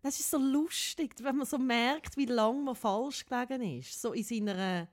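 A woman's voice: fairly high pitch, normal speed. A woman in her thirties with a Swiss German accent, co-hosting a casual chat show and telling stories from her youth. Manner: storytelling, acts out her younger self in quotes. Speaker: podcast co-host.

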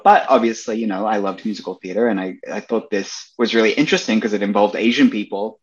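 Quick and fairly low-pitched, this young man's voice comes through with its highs cut off. An Australian Broadway performer, he's a podcast guest in a casual interview, upbeat and constantly saying "like" and "you know."

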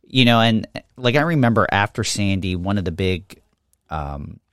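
Deep-voiced man. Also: expressive, moderate pace, fairly bright tone, clean tone, dry recording, clean studio sound. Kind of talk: casual chat.

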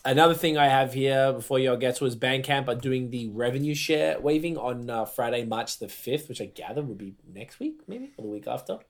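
A man's voice: medium pitch, animated, fairly quick, hardly any pauses. Rambling man hosting a podcast. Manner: rambling, slangy, hunts for words. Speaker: podcast host. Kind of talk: casual chat.

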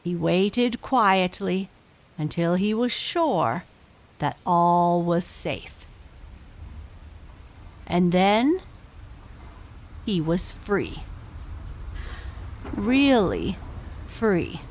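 A woman narrating a bedtime story gently, with long pauses between phrases. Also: on the low side, very animated.

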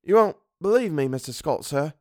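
A man's voice: a little high, expressive, moderate pace, dry recording, studio quality, pitched above the performer's own voice, lightly acted. A man voicing a young Cockney servant in a story, deferential and colloquial, by turns sheepish and indignant. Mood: uneasy. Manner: colloquial, deferential, full of sirs.

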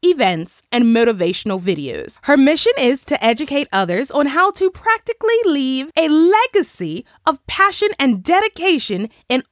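A woman hosting a podcast reads her guest's bio and chats in a casual interview, sounding upbeat and welcoming. Her voice is high, and the studio sound is clean with no echo.

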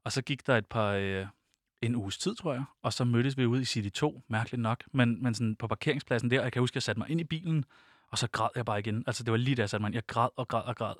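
A man's voice: mid-range voice, no room sound, clean studio sound. A young man speaking Danish, a guest telling personal stories in an interview, open and reflective, often laughing. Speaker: podcast guest.

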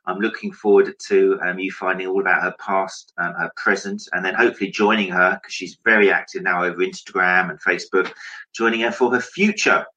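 A man hosts a casual online interview. His voice sits fairly low but has a bright, forward edge. He talks informally, as if straight to camera from a home office. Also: fairly even intonation, fairly quick, muffled recording. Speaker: online show host.

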